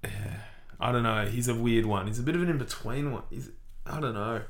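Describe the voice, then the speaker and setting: A man's voice: medium pitch, a little fast. An Australian man co-hosts a casual football show in a mid-range voice. He talks informally, analysing players and repeating short phrases to stress his point. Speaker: podcast co-host.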